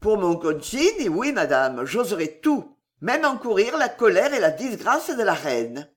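A woman's voice: mid-range voice, sing-song, measured pace. A woman voicing a cold, scheming female royal confidante in a read-aloud historical novel, icy and cuttingly polite.

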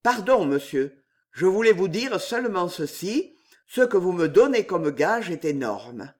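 A man's voice: high voice, very animated, a little slow. A man reading aloud, voicing a humble male servant in strained, pleading outbursts. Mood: tense. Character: tense humble servant man, seething hatred.

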